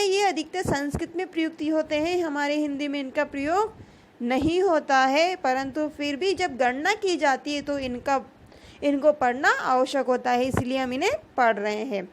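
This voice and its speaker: A woman's voice: high voice, slight background noise. A woman teaching a grammar lesson, patiently repeating key terms and asking questions that she then answers herself.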